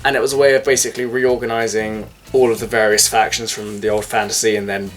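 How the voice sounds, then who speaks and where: A tipsy host rambling through a casual explanation like a drunk person chatting. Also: medium pitch. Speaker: host of a hobby video channel.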